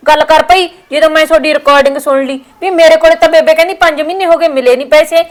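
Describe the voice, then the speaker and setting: A woman playing a sharp-tongued daughter-in-law who argues and scolds her mother-in-law in a family short film. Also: high-pitched, fairly even intonation, fast, close to an everyday voice. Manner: scolding, argumentative.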